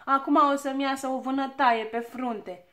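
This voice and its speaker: A woman's voice: a little high, lively intonation. A woman voicing a fussy, vain little girl in a children's storybook reading, whiny and pouting.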